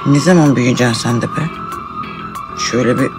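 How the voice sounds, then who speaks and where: An actress playing an excitable, quick-tempered pregnant housewife who talks to herself a lot. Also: female voice, extremely low pitch, over music. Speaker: pregnant wife. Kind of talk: TV drama acting.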